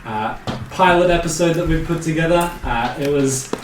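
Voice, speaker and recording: A man's voice: fairly high pitch, normal speed, slight background noise. Man, game master, casual tabletop chat, hesitant fillers, roomy, distant mic.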